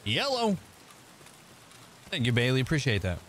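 A man's voice: medium pitch, animated, normal speed, a bit bright, slight background noise. A man in his thirties chatting casually on a game livestream, often repeating his phrases, close on the mic. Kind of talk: casual livestream chat over gameplay.

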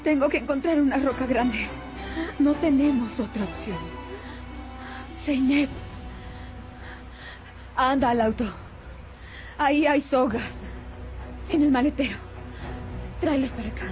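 A woman's voice: sits high, measured pace, pauses often, a little mellow. A woman dubbing an older woman in a soap opera, urgently pleading with a young woman and giving her orders. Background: dramatic background music.

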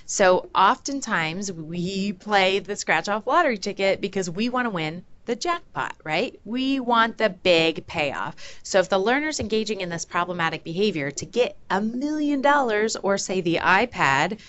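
A woman's voice: mid-range voice, animated, moderate pace, hardly any pauses, fairly bright tone, muffled recording, a little hiss or hum. A woman presenting as a behavior analyst, explaining examples in a lecture and acting out children's voices now and then. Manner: explanatory, acts out examples in a playful voice. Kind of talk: conference talk.

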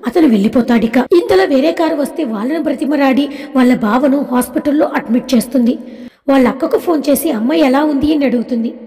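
A woman narrating an audiobook story in a steady, plain storytelling way. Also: sits high, fast talker, long reverb tail.

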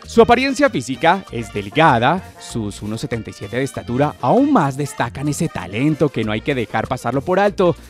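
A man's voice: mid-range voice, big pitch swings, normal speed, hardly any pauses. A man narrating a scripted television feature as its reporter. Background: background music.

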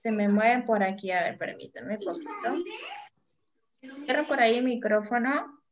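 A woman's voice: fairly high pitch, moderate pace, muffled recording, crowd noise. A woman teaching a primary class over a video call, patiently calling on pupils by name and drilling syllables. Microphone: video call microphone.

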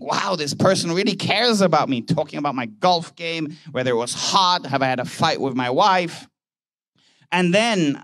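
Man giving a lively keynote talk. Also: a little high, no echo. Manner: anecdotal, plays out dialogue in quick voices. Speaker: conference speaker, banker. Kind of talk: keynote speech. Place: conference hall.

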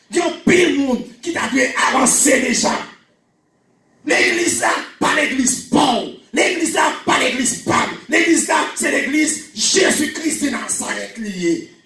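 In a small church hall with a pulpit, a middle-aged Haitian Creole-accented man with a high-pitched voice delivers a sermon, frequently shouting and repeating phrases for emphasis. His handheld mic is captured from a distance, placing his voice back in the room, and the church adds a noticeable echo.

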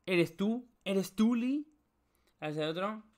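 Young male streamer, Rioplatense accent, loose and jokey, a touch high-pitched. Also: animated, a little slow, darkish tone. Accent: Rioplatense Spanish. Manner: rambling, joking, swears a lot, talks to chat. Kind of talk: casual live-stream chat while solving a puzzle.

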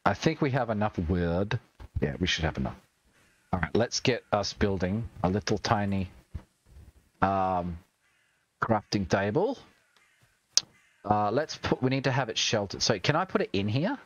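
A young Australian man talks through a game stream with a low voice that swings widely in pitch. He jokes and swears as he goes, and the recording sounds a little dull and lo-fi. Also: expressive, a little slow, long pauses, no room sound. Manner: chatty, swears and jokes while playing. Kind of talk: gaming livestream commentary.

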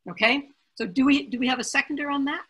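A woman chairing a council meeting over a video call, brisk and joking as she moves through votes. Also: sits high, fairly even intonation, fairly bright tone, rough recording.

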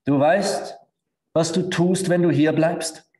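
Man doing a gruff, exasperated army captain. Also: a little high, fairly even intonation, slow pace, dark tone. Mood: stern. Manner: exasperated grumbling. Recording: echoey hall.

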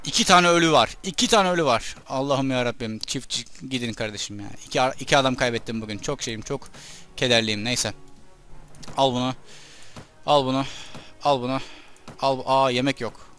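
A young man giving live commentary on his own gameplay, excitable, shouting at his troops and enemies and muttering when things go badly. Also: mid-range voice, brisk, soft background music.

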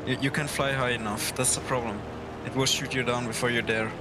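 Man calling tactics over loud game noise. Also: medium pitch, level tone. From Switzerland. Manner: giving quick tactical calls, halting and filler-heavy. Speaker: gamer. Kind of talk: casual team chat while playing.

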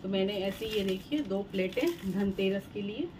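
A home vlogger in her thirties chats to the camera at normal speed in a mid-range voice, showing items one by one and using lots of fillers. She moves from a bright room at home to a balcony, and the phone recording carries clear background noise.

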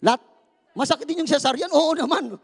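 A man's voice: very high voice, fairly quick, creaky, long reverb tail. A male pastor preaching a sermon in a playful way, joking with the congregation, asking for their replies, and mixing English phrases into his talk. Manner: mixes English phrases into speech.

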